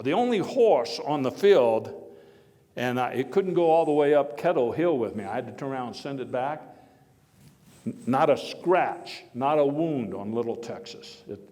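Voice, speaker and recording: A living-history performer plays a hearty, opinionated former American president, recounting stories to an audience in first person and taking questions, halting and wry with chuckles and emphatic bursts. His mid-range, slightly mellow voice sounds close to everyday speech, proud and storytelling in mood. The echoey hall gives a long reverb.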